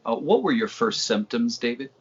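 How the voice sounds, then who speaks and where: A man's voice: medium pitch, animated, moderate pace, breathy edge. A man conducting an interview, laying out background and asking questions. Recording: dull lo-fi audio.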